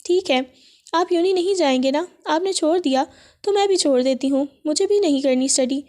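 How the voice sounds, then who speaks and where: A woman's voice: high voice, warm tone, natural voice. A woman reading a hurt, pleading young wife. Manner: pleading, emotional.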